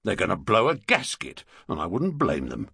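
A man's voice: sits low, huge pitch swings, moderate pace, vocal fry, sharp tone, breathy edge, dry recording, clean studio sound, heavily acted. A man voicing a blunt, grumbling middle-aged policeman in an audiobook. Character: gruff middle-aged male London policeman.

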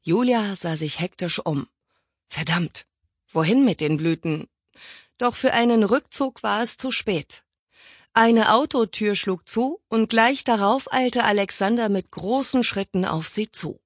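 A woman narrating an audiobook in a measured storytelling manner, lightly voicing the characters' lines. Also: mid-range voice, no echo, studio quality.

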